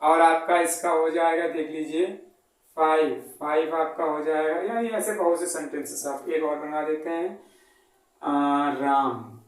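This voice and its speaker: A man's voice: on the high side, steady tone, measured pace, heavy reverb, recorded from a distance, rough recording. A man teaching an English lesson. He spells words out letter by letter, and he keeps asking the class questions and then answering them himself.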